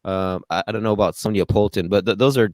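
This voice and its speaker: Low-voiced American man on a video call. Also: steady tone, quick pace, a little mellow, dry recording, studio quality. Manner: rambling, hesitant, many restarts. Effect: video call audio, sometimes breaking up. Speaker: podcast host. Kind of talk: casual interview over a video call.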